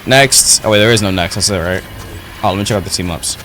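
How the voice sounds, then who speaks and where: A young man giving casual live gameplay commentary, slangy and profane as he thinks out loud. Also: on the low side, fast talker. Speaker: video game streamer. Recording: loud game music behind the voice. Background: video game music and effects.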